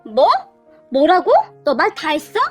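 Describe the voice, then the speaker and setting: A shrill, hot-tempered young wife, put on by a woman reading a story aloud. Her voice sits high and swings wildly as she shrieks and accuses. Soft music plays behind her. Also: sing-song, moderate pace, heavily acted. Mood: shrieking. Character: rude, shrill young wife picking fights.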